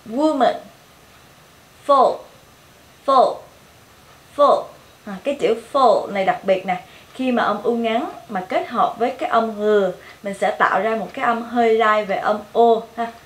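A young woman with a Vietnamese accent teaching English pronunciation, modeling each sound clearly and repeating every word several times. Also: fairly high pitch, echoey room. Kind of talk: pronunciation lesson with repeated drill words.

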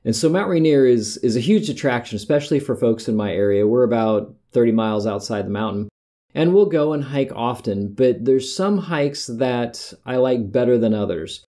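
Middle-aged american guy rambling about hikes, mellow dark voice, keeps correcting himself. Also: mid-range voice, animated, moderate pace. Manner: rambling, conversational, self-correcting. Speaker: podcast host. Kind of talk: casual monologue.

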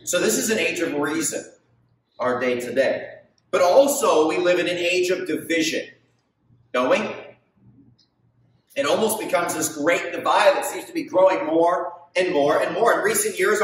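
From the stage of a large hall, a thirties-aged pastor preaches with emphasis, throwing questions to his congregation and gesturing broadly. He speaks at an ordinary pace in a high-pitched voice, picked up by a distant mic in a very reverberant room.

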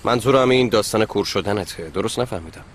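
A man dubbing an earnest husband who reasons calmly. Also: on the low side, slight background noise, natural voice.

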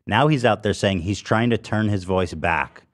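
A man's voice: lowish voice, moderate pace. A man in his thirties co-hosting a casual comedy commentary show, mocking and profane, on a studio microphone. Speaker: podcast co-host. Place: podcast studio, indoors. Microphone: studio microphone on boom arm.

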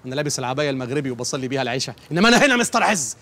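A self-important Egyptian boss lectures and mocks in a swooping, lively voice at a fast pace. He drags out his own title for emphasis. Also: medium pitch. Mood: pompous. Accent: Egyptian Arabic. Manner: pompous, sarcastic, strict.

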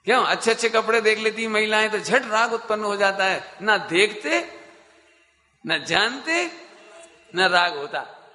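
A man's voice: sits high, animated, bright, forceful tone, in a large hall. A man giving a spiritual discourse to a live audience as a Jain teacher, who keeps asking his listeners questions and answering them himself. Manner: chants scripture lines slowly.

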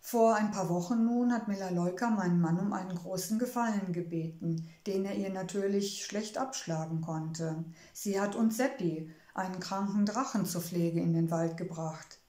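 Woman reading as a gentle motherly gnome wife. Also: medium pitch, moderate pace, few pauses, lightly acted. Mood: wistful. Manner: gentle, wistful, soothing. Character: kindly motherly female gnome, homebody. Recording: roomy echo.

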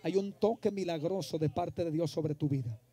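A male pastor leading a fervent deliverance prayer, commanding and hushing the crowd by turns. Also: a little high, moderate pace, husky. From Dominican Republic. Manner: fervent, commanding, shouting and hushing, speaks in tongues. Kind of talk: deliverance prayer and prophecy at a service.

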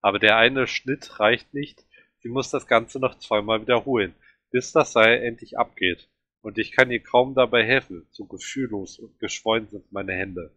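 Ein Mann liest einen Roman dramatisch und angespannt vor. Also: male voice, on the low side, moderate pace, pushed and bright, no room sound. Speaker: reader. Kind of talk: reading a novel aloud.

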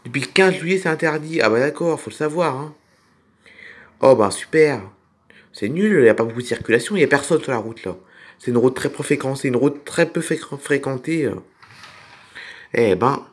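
A man's voice: medium pitch, animated, brisk, long pauses, husky. A man voicing a chatty family dad in a toy film, rambling and repeating himself as he grumbles. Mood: grumbling. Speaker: narrator and main figure of a toy film. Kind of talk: toy figure film role-play.

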